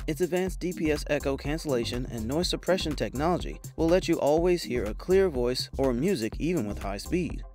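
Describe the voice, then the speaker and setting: Over background music, a man reads scripted narration for a product roundup in a measured, promotional style. His pitch is medium and his voice a little mellow.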